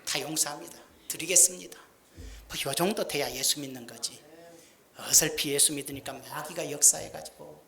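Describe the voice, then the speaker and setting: A middle-aged male pastor delivers a homely sermon, acting out small scenes from daily life with a joking touch. His voice is bright and clear. It rings out through a roomy church hall. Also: on the high side, normal speed. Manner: folksy, joking, acts out little scenes. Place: church sanctuary. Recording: echoey church sound.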